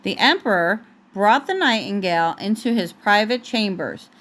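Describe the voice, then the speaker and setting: Reading aloud from a storybook at home, a mother keeps breaking off to correct her young child. Her medium-pitched voice is animated and a bit bright, at a normal speed.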